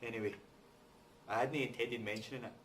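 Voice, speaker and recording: A man's voice: medium pitch, fairly even intonation, fairly quick, a bit bright, natural voice. Guy acting working man in a stage drama reading, bitter n accusing, bit distant, faint noise. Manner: accusing, scornful, colloquial. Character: wronged, bitter working-class man confronting his relatives. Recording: distant mic, background noise.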